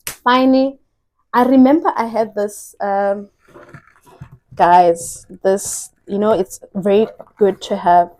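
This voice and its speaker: A young South African woman with a South African accent, telling her personal testimony in a lively storytelling vlog, acting out the voices she quotes. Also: medium pitch. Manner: animated, acts out quoted voices, laughs often. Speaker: vlogger.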